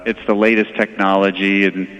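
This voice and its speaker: A man's voice: deep voice, little pitch movement, normal speed, fairly bright tone, long reverb tail, lo-fi sound. A man giving explanatory sales talk as an expert guest in a radio interview. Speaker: window and door company expert, guest.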